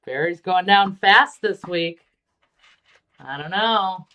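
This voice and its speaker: A woman hosting a casual livestream about miniature painting, relaxed and chatty with frequent ums. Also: lowish voice, slow pace.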